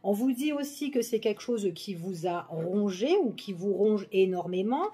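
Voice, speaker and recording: A woman's voice: mid-range voice, lively intonation, normal speed, warm tone, slightly rough. A woman giving a casual general tarot reading, chatty and full of fillers, often checking in with the listener. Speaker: tarot card reader.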